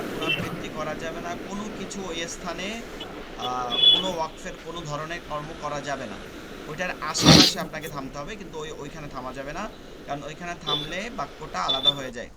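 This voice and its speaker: Patient man teaching, noisy line. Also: on the high side. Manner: patient, repeats points step by step. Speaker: Quran teacher. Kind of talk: online class lesson.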